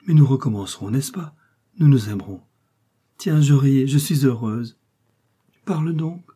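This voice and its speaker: A man's voice: medium pitch, normal speed, mellow, breathy edge, voice pushed up, close to an everyday voice. A man voicing a passionate young woman who pleads and then turns bitter, in an audiobook reading. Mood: pleading. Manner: emotional, pleading, rising and reproachful.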